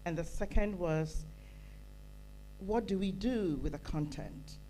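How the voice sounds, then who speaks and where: At a conference, a Ghanaian woman speaks from the floor as an audience member, earnest and emphatic, building her point by repeating phrases. She talks slowly in a fairly low, mellow voice into a handheld microphone in the conference hall. The recording is rough, with faint music behind.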